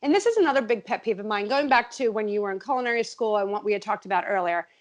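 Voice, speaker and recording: A woman's voice: mid-range voice, animated, racing. A woman with a New Jersey accent who hosts a podcast, chatting casually and stating strong opinions with emphasis. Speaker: podcast host. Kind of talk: casual chat.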